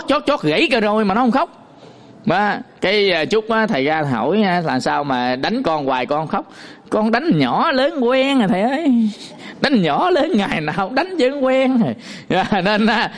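A male Buddhist monk with a Southern Vietnamese accent gives a sermon in a noticeably high voice. He tells his parables in a lively, storytelling way and acts out the examples for the listeners.

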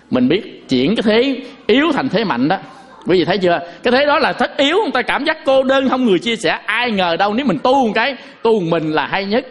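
A man preaches a Buddhist Dharma talk, his voice sitting high for a man. He is folksy and animated and keeps checking in with his listeners through rhetorical questions. Humorous asides lighten the lesson. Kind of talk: Dharma talk to a lay congregation.

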